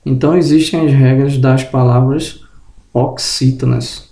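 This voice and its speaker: A man giving a spoken grammar lesson, slowly drawing out example words and checking in with the viewer, slightly groggy and tripping over words. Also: mid-range voice, fairly even intonation, gravelly, dark tone, reverberant. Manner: tag questions to the viewer. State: just woke up, tongue tripping. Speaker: teacher.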